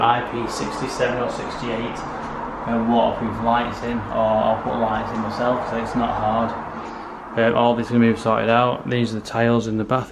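Holding a camera or phone at arm's length, a thirty-something renovation vlogger narrates a loose, casual tour of a house's rooms in a plain, practical way. He speaks in a mid-range voice. The indoor handheld audio carries noticeable background noise.

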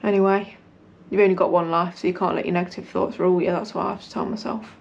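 A woman's voice: fairly low pitch, fairly even intonation, fast, vocal fry, highs cut off, a little hiss or hum. A young British woman chatting casually to her vlog in a colloquial, self-deprecating way. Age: young adult. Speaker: running vlogger. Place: indoors in a house hallway. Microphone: camera at arm's length or propped nearby.

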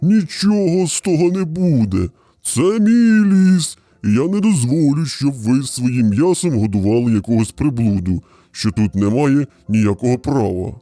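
A man's voice: mid-range voice, animated, mellow, dry recording, soft background music, close to an everyday voice. A man voicing a huge, hungry, furious bear in a children's fairy tale, roaring and dragging out his words. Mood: bossy. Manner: roaring, drawn-out growling delivery. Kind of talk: storybook character voice.

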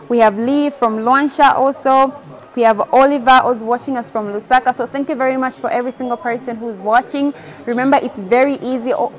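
A young woman with a Zambian accent presenting a live lottery draw as host, announcing and repeating numbers deliberately. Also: fairly high pitch. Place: large TV studio, indoors. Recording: clearly noisy studio ambience.

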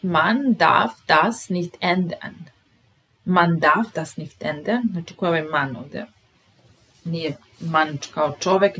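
A woman with a Serbian accent teaches German in a slow, unhurried way. Her voice is low and a little husky. She says each sentence, repeats it and then explains it. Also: fairly bright tone, low-quality recording. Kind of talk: slow language lesson.

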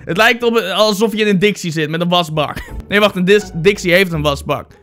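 A man with a high, sharp voice jokes his way through fan posts like a playful YouTuber. He mocks himself, swears and drops English phrases into his talk. Soft music sits faintly behind him. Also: a little fast. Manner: bursts into loud shouts. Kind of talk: casual joking commentary.

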